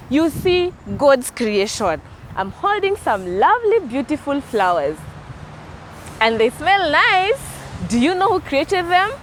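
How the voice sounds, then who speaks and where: Very high-pitched woman, slow children's presenter. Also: fairly bright tone. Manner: simple phrases and questions to children. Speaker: Sunday school host. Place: outdoors among greenery. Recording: outdoor recording with faint noise.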